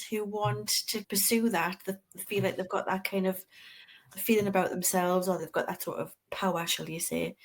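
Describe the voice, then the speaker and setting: A middle-aged woman co-hosting a podcast, asking questions in a chatty way and laughing easily over a video call. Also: medium pitch. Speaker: podcast co-host. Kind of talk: casual chat.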